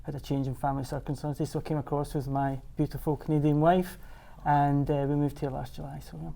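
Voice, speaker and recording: A man's voice: fairly high pitch, little pitch movement, a little fast, creaky, dark tone. A middle-aged man with a Scottish accent, answering interview questions in a hesitant way, with many fillers and restarts. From Scotland. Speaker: executive director. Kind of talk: studio interview.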